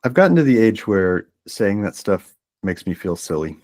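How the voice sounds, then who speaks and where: A man co-hosts a podcast in casual conversation, relaxed and wryly reflective. His voice is very deep and low. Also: moderate pace. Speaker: podcast co-host. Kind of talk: casual chat.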